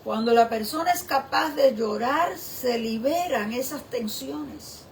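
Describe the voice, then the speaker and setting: A woman pastor preaches at an unhurried pace, her rather high voice carrying a gravelly edge. She speaks reflectively and often turns to the listener with questions. A faint noise sits under the recording. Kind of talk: sermon.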